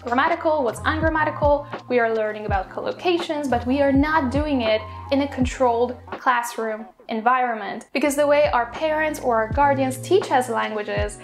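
A young Polish woman, a language teacher and YouTuber whose first language is Polish, gives a direct-to-camera video lesson about languages in an upbeat, brisk manner. Her voice is slightly high, recorded up close in a small bedroom with music clearly audible underneath.

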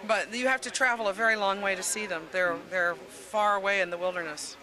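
At a busy outdoor public event, an American woman in her fifties who rides the bus speaks into a handheld mic held by an interviewer, crowd noise audible behind her. She's thoughtful and rambling, hunting for words, with a medium pitch, fairly even intonation, and a slightly fast pace.

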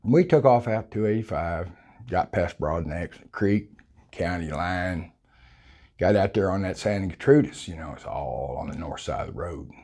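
With a low, animated voice, some vocal fry, and a slightly mellow quality at normal speed, an older South Texas man casually relates a hunting story. He tells it in a folksy, colorful style and voices the characters he quotes, via a lapel mic in a small room.

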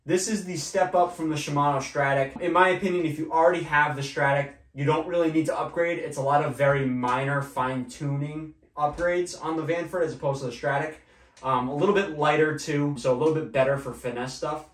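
A man's voice: on the high side, brisk. A young man hosting a fishing channel, casually walking through his gear with lots of fillers, recorded at a table indoors by a camera across the room. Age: young adult. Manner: relaxed, chatty, many fillers. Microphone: far camera. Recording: roomy echo, voice far from mic.

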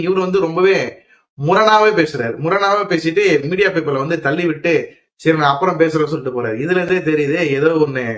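A man hosting a channel, giving news commentary to viewers in a fast, urgent way. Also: fairly high pitch, a bit bright, reverberant, far from the mic. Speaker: channel host.

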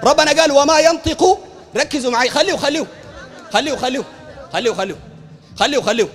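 A man with a Sudanese Arabic accent, a preacher arguing emphatically in a heated public debate, often shouting and repeating phrases. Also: very high-pitched, fast talker, big-room sound, a faint crowd. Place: university hall.

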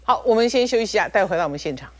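A woman's voice: mid-range voice, rapid-fire. A woman with a Taiwanese Mandarin accent hosting a talk show, telling a story with small laughs. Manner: lively storytelling with little laughs. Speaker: host.

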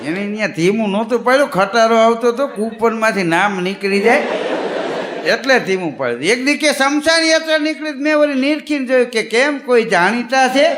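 A man's voice: high voice, moderate pace, a crowd in the background, noisy background. A man doing stand-up, telling jokes and acting out the characters' lines for a live audience. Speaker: stand-up comedian. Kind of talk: comic storytelling to a live audience. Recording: long hall reverb.

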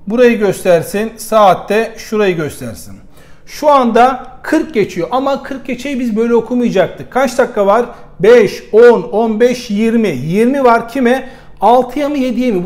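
A man's voice: very high-pitched, darkish tone. A man teaching a primary school math lesson at a board, explaining step by step, counting aloud and voicing his pupils' answers.

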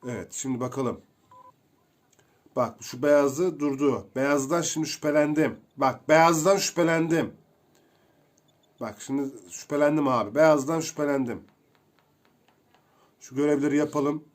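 A young man giving casual, excitable commentary while playing a video game, chatting to his viewers as he goes. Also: a little high, a little slow, long pauses. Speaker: gameplay streamer.

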